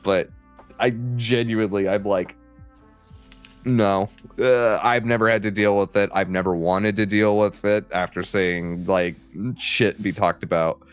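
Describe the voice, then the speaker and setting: A man's voice: fairly low pitch, steady tone, unhurried, clean tone, faint music behind. A man chatting casually on a livestream, sweary and playfully teasing. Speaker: guest VTuber on a livestream.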